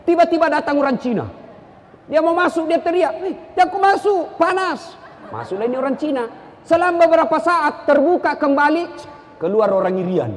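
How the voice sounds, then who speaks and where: A male preacher delivers a joking sermon, his voice pitched very high and swinging widely as he acts out characters. Long hall reverb trails his words through a large lecture hall. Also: big pitch swings, fairly quick. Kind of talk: humorous sermon.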